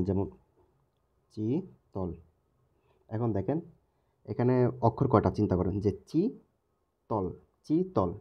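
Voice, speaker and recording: A man's voice: lowish voice, breathy edge, dull audio. A man teaching a recorded lesson, repeating key words and checking in with the viewer.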